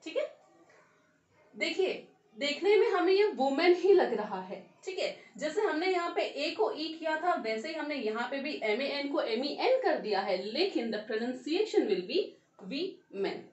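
An Indian-accented woman teaches grammar, switching between Hindi and English and spelling each word aloud. Her voice sits high and swings widely in pitch. She sounds a little far from the mic in an echoey room. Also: sing-song, unhurried, darkish tone, lo-fi sound. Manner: mixes Hindi and English, spells words letter by letter, asks quiz questions. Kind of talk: grammar lesson.

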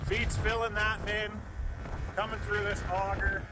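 A man's voice: high-pitched, flat delivery, a little slow. A man in his thirties walking through his pig barns, explaining them plainly to a phone held at arm's length. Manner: plain, matter-of-fact explaining while walking and pointing. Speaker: farmer giving a barn tour. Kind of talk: casual walking tour vlog. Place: pig barns and farmyard, indoors and outdoors. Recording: noisy barn ambience.

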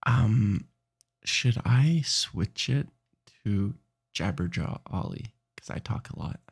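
A man's voice: fairly low pitch, expressive, takes it slowly, gravelly, slightly rough. A sleepy man streaming late at night, rambling and restarting his sentences as he chats. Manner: rambling, self-interrupting, tired.

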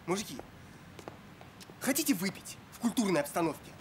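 A young man playing an insistent, sharp-tongued student in a sitcom. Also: high-pitched, sing-song, fairly quick, a little hiss or hum. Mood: matter-of-fact. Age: young adult. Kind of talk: sitcom dialogue.

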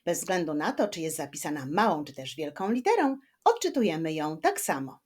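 A woman teaching children to read, speaking slowly and carefully and drawing words out syllable by syllable, gently encouraging her young viewers. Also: sits low, sing-song, breathy edge. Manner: slow, carefully spaced speech, stretching words syllable by syllable. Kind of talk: children's reading lesson.

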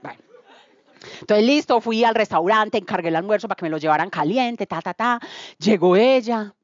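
A woman's voice: mid-range voice, a little fast, no room sound, muffled recording. A woman with a Colombian accent giving a spoken testimony to a church group, telling her story with relish and acting out the dialogue. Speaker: testimony speaker.

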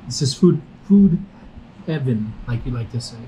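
A man's voice: mid-range voice, animated, moderate pace, warm tone. A man hosting a food vlog, talking through a face mask in an upbeat, chatty way inside a restaurant. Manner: upbeat, chatty, addresses viewers. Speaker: food vlogger host. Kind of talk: casual food tour narration. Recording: noisy restaurant ambience.

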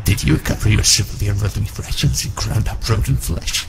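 A man's voice: lowish voice, moderate pace, gravelly, background noise. An actor playing a petty, officious male supply clerk who speaks in a prim, bureaucratic way.

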